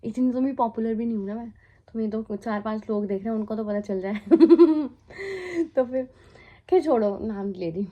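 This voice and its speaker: This fairly high-pitched, moderately paced voice belongs to a twenty-something Indian flight attendant recounting a story for her vlog, heard through a muffled recording. She chats away in relaxed Hindi, slipping English in and breaking off for asides and laughs.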